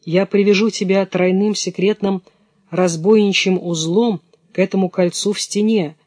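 A man's voice: sits high, fairly even intonation, normal speed, a little mellow, no echo, studio quality. A man reading as a bossy young robber girl. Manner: brusque, commanding.

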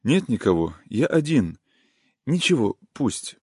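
A man voicing a feverish, weak young man in an audiobook reading, speaking faintly and breathlessly in a hushed voice. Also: medium pitch, very animated, a little slow, breathy edge, no room sound, studio quality, heavily acted.

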